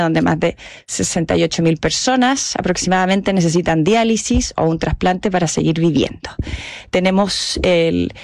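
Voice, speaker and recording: A woman's voice: on the low side, darkish tone, no room sound. A woman hosting a conversational interview in a studio, introducing and questioning as she goes. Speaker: host.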